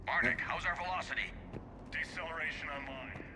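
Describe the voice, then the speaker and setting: High-pitched, urgent military officer. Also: male voice, a little fast, background noise. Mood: tense. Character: tense male military officer radioing his commander for help. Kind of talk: video game voice acting.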